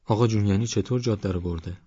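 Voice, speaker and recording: A man narrating a storybook, voicing a sleepy, anxious young boy with a sore foot, in a higher, eager questioning voice. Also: mellow, breathy edge, dry recording. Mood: anxious questions. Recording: dry, slightly dull recording.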